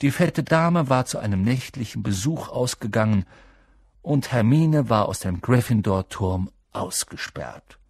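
A man narrating an audiobook in an expressive storytelling manner. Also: medium pitch, a little slow, husky, no room sound, clean studio sound. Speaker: audiobook reader.

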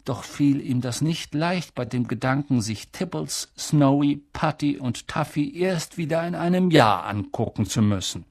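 Slow, lively male storybook narrator. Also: fairly high pitch, vocal fry, dry recording, clean studio sound. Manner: expressive, measured storytelling. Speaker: audiobook reader.

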